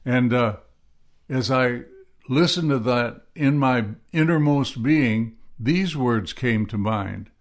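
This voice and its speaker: Gravelly earnest male podcast preacher. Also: mid-range voice. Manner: earnest, reflective, quotes scripture slowly. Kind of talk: devotional podcast teaching.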